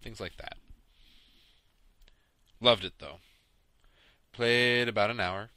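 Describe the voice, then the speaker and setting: Tired, bright-toned male podcast host. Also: fairly low pitch, slow, no room sound. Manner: relaxed, rambling, tired late-night delivery with yawns. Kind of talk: casual solo podcast chat about games.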